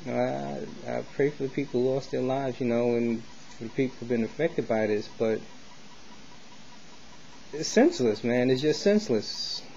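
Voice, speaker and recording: An American man speaks at a moderate pace in a warm, mid-range voice with some vocal fry, rambling casually through a vlog of his opinions. He uses colloquial street slang and repeats himself as he loops back. The recording has a dull lo-fi sound and faint noise.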